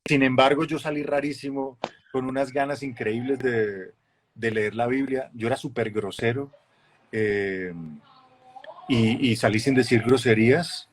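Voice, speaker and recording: A man in his forties, a guest telling his conversion story in a casual chat, lively, acting out the voices of others. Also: mid-range voice, measured pace, slight background noise. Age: 40s. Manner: lively storyteller, acts out voices and shifts loudness a lot. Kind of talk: animated testimony in a casual chat.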